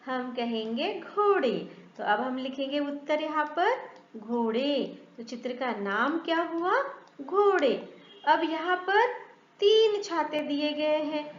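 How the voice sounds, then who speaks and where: Female primary teacher, unhurried sing-song questions, slightly muffled roomy recording. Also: high voice. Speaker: primary school Hindi teacher. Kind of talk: children's grammar lesson. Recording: echoey, slightly dull room sound.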